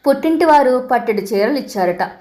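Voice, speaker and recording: A woman narrating a humorous short story in the first person, in a calm, even storytelling manner. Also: high voice, fairly quick.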